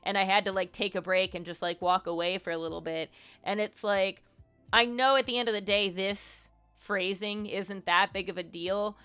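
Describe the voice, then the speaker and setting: A young woman with a bright, smooth voice chats candidly on a live stream. She rambles with plenty of "like" and "um", talking openly with her viewers. The audio is dull and lo-fi, with faint music playing underneath. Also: mid-range voice, fairly even intonation, normal speed. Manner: rambling, many fillers and "like"s, candid. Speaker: live streamer answering chat. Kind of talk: casual live-stream advice chat.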